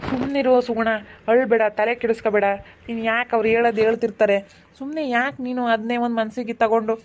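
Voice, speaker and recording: Woman doing a sister-in-law talking fast to calm things down, muffled lo-fi sound. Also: fairly high pitch, a little hiss or hum, lightly acted. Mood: reassuring. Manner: quick, reassuring.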